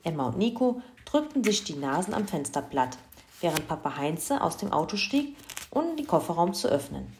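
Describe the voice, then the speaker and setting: Woman reading a kids' story out loud, lively and expressive, lowish voice. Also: moderate pace, a little hiss or hum. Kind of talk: reading a children's story aloud.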